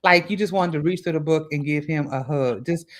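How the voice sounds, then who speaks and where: Woman, deep voice, emphatic, lively, casual book talk, video-call audio. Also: brisk. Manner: animated, emphatic, laughs often. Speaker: podcast host.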